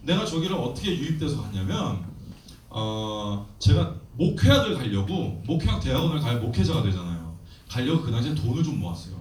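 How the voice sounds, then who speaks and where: A man in his thirties, a missionary preacher telling his story in a sermon, acting out quotes with lively energy. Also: medium pitch, fairly quick. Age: 30s. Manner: animated storytelling with acted quotes. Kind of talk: sermon testimony. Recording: echoey hall, distant mic, faint noise.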